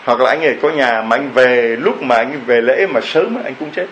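A man's voice: mid-range voice, lively intonation, normal speed, a bit bright, lo-fi sound, a little hiss or hum. A man preaching a homily, telling a story and firing off rhetorical questions to the congregation.

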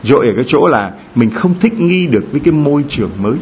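A middle-aged man preaches in a church, telling stories and tossing questions to the congregation. His pitch sits in the middle for a man. The recording is dull and lo-fi, with a faint hum of the room behind him. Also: quick pace. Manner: storytelling, lively, addresses congregation directly with questions. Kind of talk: sermon. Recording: dull low-fi sound with faint ambience.

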